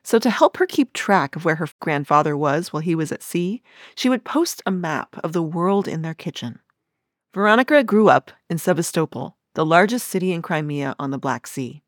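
A woman host reading a scripted podcast narration in a measured, even manner. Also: on the low side, dry recording, clean studio sound.

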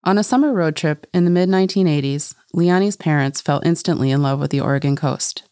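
A woman radio reporter narrating a feature story in an even, reportorial tone. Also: low-pitched, brisk, no echo, clean studio sound. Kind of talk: scripted narration.

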